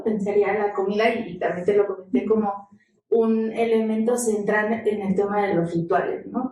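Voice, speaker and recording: A woman's voice: medium pitch, warm tone. A woman researcher in a conversational academic discussion, often adding questioning tags. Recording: very echoey, distant microphone.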